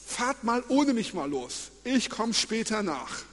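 Guy doing a chill ship captain, laid-back and reassuring, talks high and lively, big hall echo. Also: takes it slowly, heavily acted. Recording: long reverb of a large hall.

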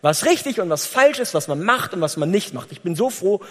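A male preacher with a high, animated voice that rises and falls a great deal. He preaches in a conversational way and acts out short exchanges as he speaks. The sound carries the long reverb of a church hall. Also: brisk. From Germany. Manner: lively, conversational preaching with acted-out dialogue. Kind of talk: sermon.

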